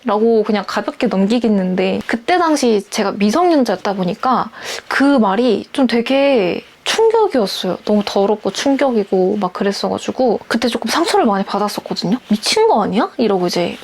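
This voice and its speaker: A woman's voice: mid-range voice, darkish tone. A young adult woman telling a personal story in a candid, reflective way, with many fillers. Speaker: vlogger.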